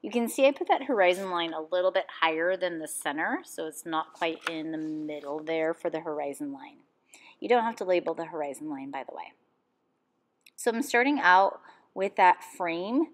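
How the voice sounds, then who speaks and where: A woman art teacher giving calm, step-by-step instructions in a drawing lesson voice-over. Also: fairly low pitch, moderate pace.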